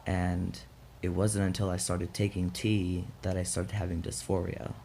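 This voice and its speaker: A young man talking casually and candidly on a personal vlog, in a reflective, halting way with some gravel in his voice, recorded outdoors. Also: deep voice, flat delivery, dark tone, slight background noise. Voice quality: gravelly, throat-clearing. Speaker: vlog host. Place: outdoors in chilly morning air.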